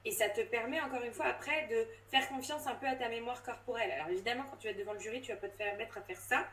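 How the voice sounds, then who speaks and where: A fast-talking voice coach and drama teacher in her thirties, fairly high-pitched and a bit bright, gives a casual interview. She hesitates a lot, with many fillers and restarts; the audio is roomy and distant, with slight background noise.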